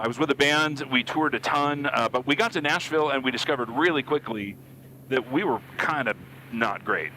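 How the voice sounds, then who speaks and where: Man, middle-aged, bright tone, casual storytelling, cockpit headset, faint engine noise. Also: mid-range voice, rough recording. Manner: warm, self-deprecating storyteller. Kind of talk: casual chat. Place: small airplane cockpit.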